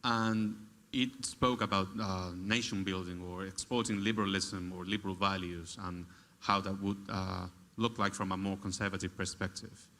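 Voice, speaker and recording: A man from Spain speaking as a think tank director on a conference panel, measured and thoughtful with many pauses and fillers. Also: low voice, a bit bright. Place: large conference hall.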